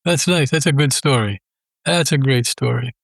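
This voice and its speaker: A man's voice: medium pitch, moderate pace, gravelly, no room sound. A man, a rabbi hosting the interview, praising his guest and asking probing questions. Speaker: rabbi and podcast host.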